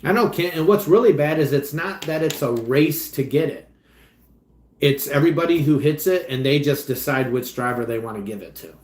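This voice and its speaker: A man hosting a casual livestream, rambling as he reads chat comments and trails off quietly at the ends of his thoughts. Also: fairly high pitch, expressive, moderate pace. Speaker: livestream host and delivery driver. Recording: echoey room.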